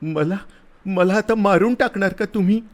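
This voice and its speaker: A man voicing a timid, frightened little girl who speaks in halting, tearful answers. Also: high-pitched, pitched above the performer's own voice, natural voice. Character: small frightened girl refugee.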